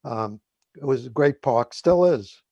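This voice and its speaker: A man's voice: mid-range voice, lively intonation, a little slow, creaky, dark tone, slightly rough, no echo, highs cut off. Old guy from queens, new york accent, rambly radio co-host, very dry mic. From Woodhaven, Queens, New York. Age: 70s or older. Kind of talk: casual reminiscing radio chat.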